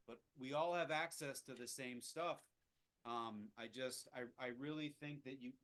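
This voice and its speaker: A man's voice: medium pitch, fairly bright tone. A man leading a casual jazz improvisation lesson, rambling with lots of restarts and fillers. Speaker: jazz teacher.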